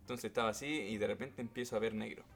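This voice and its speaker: A young man with a Chilean accent, a guest on a casual podcast, calmly explaining step by step what happened to him. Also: on the low side, fast, faint music behind. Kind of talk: casual storytelling chat.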